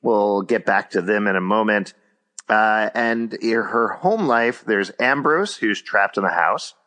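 A man co-hosts a podcast with an easy, joking manner and laughs often. His voice sits a little low and sounds bright and forward. He rambles cheerfully through an episode recap. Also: unhurried. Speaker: podcast co-host.

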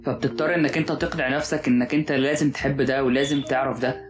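Young man, Egyptian Arabic accent, rapid, musing, halting, music behind. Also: mid-range voice, steady tone, poor audio. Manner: musing, hesitant, thinking aloud. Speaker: podcast co-host. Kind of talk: casual philosophical chat.

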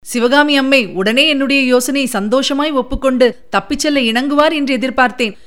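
A woman's voice: high voice, brisk. A woman voicing a loyal, anxious male spy of the king who tells a long account of events. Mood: earnest. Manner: recounting events in a long, steady telling.

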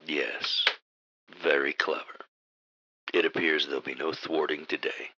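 Very deep, menacing theatrical villain mastermind. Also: male voice, fairly even intonation, measured pace, sharp tone, highs cut off, exaggerated voice. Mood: smug menace. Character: pompous, exasperated male villain mastermind of evil professorial henchmen. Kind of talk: comic radio drama acting.

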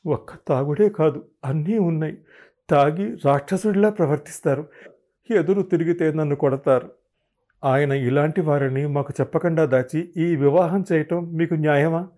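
A young, tearful bride, as voiced by a male narrator in a dramatized audiobook. Her lines sit noticeably higher than the reader's own voice and break with crying. She speaks in a hurt, aggrieved way. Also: normal speed, warm tone, close to an everyday voice. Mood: indignant. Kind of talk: audiobook reading.

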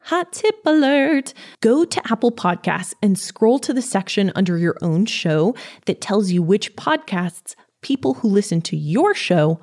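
A woman's voice: medium pitch, lively intonation, unhurried, few pauses, darkish tone. A woman hosting a podcast, delivering scripted how-to advice in an upbeat, tidy vlogger manner with playful asides. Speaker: podcast host giving advice.

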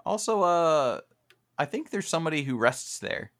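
A man's voice: on the high side, lively intonation, moderate pace, fairly bright tone. A man in casual group chat, talking in a jokey way.

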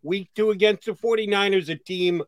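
A man talking football on a sports show, animated and firing off rhetorical questions. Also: sits high, normal speed, no room sound. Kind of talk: casual sports talk.

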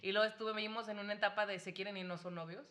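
Bright-voiced Mexican woman telling a story. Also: medium pitch, quick pace. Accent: Mexican Spanish. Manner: animated storytelling with laughs and acted-out quotes. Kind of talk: casual chat.

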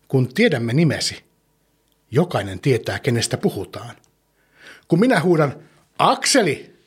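A man hosting a children's podcast, gently telling a story and asking the young listener questions. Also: mid-range voice, slightly rough.

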